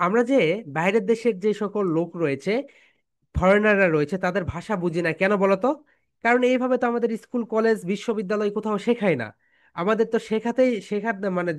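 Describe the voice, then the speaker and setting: Drilling teacher. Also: medium pitch. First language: Bengali. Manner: keeps addressing students as "my dear soldiers", repeats phrases for drilling. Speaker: English pronunciation teacher. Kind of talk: spoken lesson with call-and-response drills.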